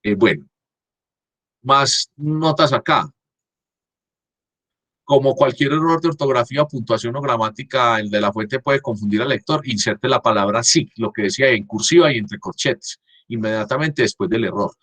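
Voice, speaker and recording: Husky-voiced male teacher, dry close computer mic, halting delivery with frequent restarts. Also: mid-range voice, a bit bright, no room sound. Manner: halting, frequent restarts, checks understanding with "¿cierto?". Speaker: university teacher. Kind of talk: online class lecture. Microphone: computer mic on a video call.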